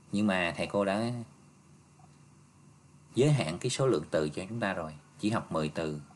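A male teacher goes through an exam review step by step, patient, ending phrases with soft tags. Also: low-pitched, a little hiss or hum. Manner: patient, explains step by step, ends phrases with "ha" and "nha".

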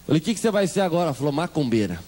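A Brazilian man tells his church testimony with humor, his pitch swinging widely as he acts out each person in the story. His voice sits a bit high for a man. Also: very fast. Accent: Brazilian Portuguese. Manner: animated storyteller acting out quoted voices.

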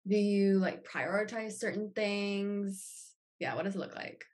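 A woman hosting a podcast, asking her guest open questions in an unhurried way. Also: mid-range voice, fairly even intonation, a little mellow. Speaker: podcast host. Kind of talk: interviewing.

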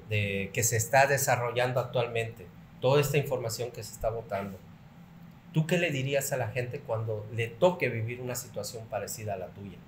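A man hosting a podcast interview, supportive of his guest and asking questions calmly. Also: medium pitch. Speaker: podcast host. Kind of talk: casual interview. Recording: roomy echo, faint background noise.

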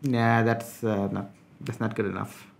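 A man giving a relaxed, conversational software tutorial, talking through each step with frequent filler words. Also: lowish voice, measured pace, creaky, slight background noise. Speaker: software reviewer. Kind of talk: casual screen-recorded tutorial.

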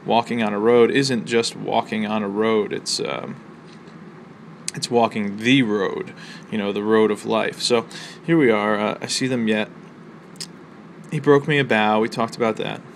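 A man teaching a college literature lesson, explaining a poem's rhythm and imagery in a measured way with fillers and pauses. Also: on the low side, fairly even intonation, gravelly, a little hiss or hum. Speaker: college instructor. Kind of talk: recorded literature lecture. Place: outdoors near a library.

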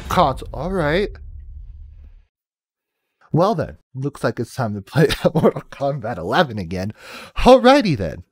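A man reacting to a video game trailer in casual commentary, swinging between low mumbles and loud excited outbursts. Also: husky, dry recording. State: cold and shivering, early morning. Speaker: reaction streamer.

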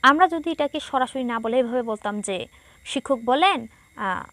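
A woman's voice: sits high, animated, moderate pace, fairly bright tone, no echo. A woman teacher from Bangladesh explaining a textbook lesson, patiently repeating each point and asking herself questions.

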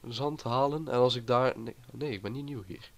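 A man's voice: medium pitch, normal speed, gravelly. A man with a cold, rambling casually as he comments on his own gameplay. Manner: rambling and chatty. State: has a cold. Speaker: gaming YouTuber.

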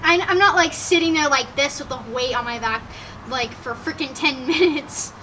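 A woman's voice: high-pitched, normal speed, pushed and bright, distant mic. An American woman in her twenties, bantering casually and playfully bossy as she strains under a heavy load. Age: 20s. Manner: playful, bossy, often laughing. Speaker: vlogger doing a fitness challenge. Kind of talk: casual banter during a couple's challenge. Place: residential backyard, outdoors. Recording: noisy, windy outdoor camera audio.

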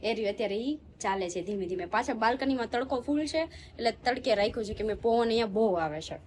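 A young woman, talking gently at home and cooing to a dog. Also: on the high side, expressive, fast talker, a little hiss or hum. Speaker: vlogger's wife. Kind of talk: casual home conversation.

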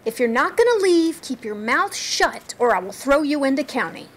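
A woman playing a stern police officer who hands out short, commanding orders to the suspects in a lineup. Her voice sits high, with faint ambient noise behind it. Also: very animated, moderate pace. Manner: curt, commanding. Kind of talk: comedy sketch acting.

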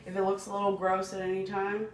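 A woman's voice: medium pitch, completely flat delivery, quick pace, distant mic, crowd noise. A woman working as a body piercer, reassuring a client and giving friendly, casual instructions. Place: piercing studio room, indoors. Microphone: handheld phone a few feet away. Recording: echoey, noisy room, off-mic.

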